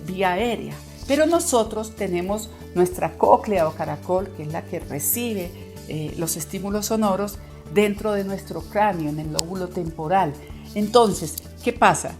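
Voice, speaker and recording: Woman voice teacher, clear explanatory lesson delivery, mid-range pitch, light music bed. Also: unhurried, a little mellow. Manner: explanatory, acts out listeners' reactions. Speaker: voice coach. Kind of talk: educational video lesson.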